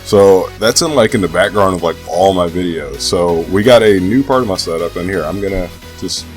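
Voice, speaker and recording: A man's voice: low-pitched, brisk, faint music behind. A young man with a stuffy nose from a cold, rambling casually and swearing freely as he vlogs about gaming. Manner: laid-back, profane, hesitant rambling. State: sick with a cold. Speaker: gaming vlogger.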